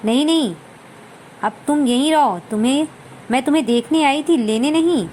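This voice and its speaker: A woman voicing a loving mother who soothes her grown daughter and gently but firmly refuses her. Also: high-pitched, moderate pace, a little hiss or hum, lightly acted.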